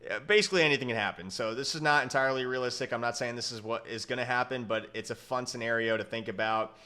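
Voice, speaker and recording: Bright-voiced young man talking football. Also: mid-range voice, fast talker. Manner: rambling, self-correcting, lots of fillers. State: hiccups. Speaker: sports YouTuber. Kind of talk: casual mock draft commentary.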